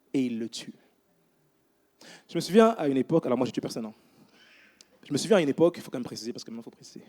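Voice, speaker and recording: A man in his thirties preaching a sermon in church, telling stories with casual asides to the congregation. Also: fairly high pitch. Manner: animated storytelling with casual asides.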